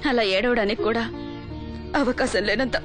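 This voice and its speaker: An actress playing a sad young woman who gently and tearfully confides a painful secret. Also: a little high, normal speed, over music, natural voice. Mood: confiding.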